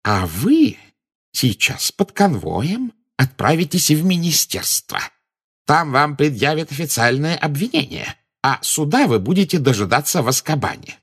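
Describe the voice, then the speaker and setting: A man's voice: wildly swooping pitch, very slow, vocal fry, pauses often, exaggerated voice. A man voicing a blustering, pompous minister who barks out his words and gloats. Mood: gloating. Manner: shrill, barking exclamations. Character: blustering middle-aged male minister, gleeful and pompous.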